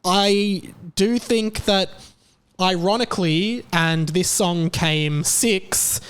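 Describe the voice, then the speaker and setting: High-pitched and slow, this Australian podcast host in his thirties sounds a bit bright, clear and resonant. Alone on his casual show, he rambles with plenty of fillers and restarts, often poking fun at himself.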